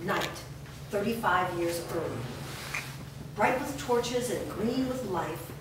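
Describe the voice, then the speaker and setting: Narrating a staged reading, a woman reads the scripted stage directions at an unhurried pace in a medium-pitched, lively voice. The noisy recording picks her up from afar in a big, reverberant room.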